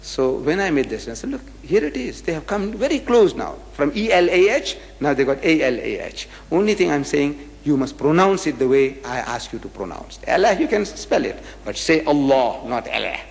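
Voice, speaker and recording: Animated older man lecturing in a hall. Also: fairly high pitch, moderate pace, few pauses. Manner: lively, emphatic, repeats and mimics quoted phrases. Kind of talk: public religious lecture.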